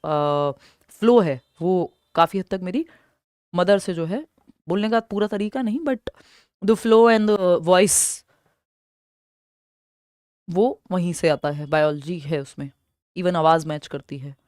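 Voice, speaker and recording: In a lowish, slightly mellow voice, a young Indian-accented woman teaches exam preparation, captured in a dry, studio-quality recording. Her method is step-by-step: key terms get slow repetition, and she raises questions only to answer them herself.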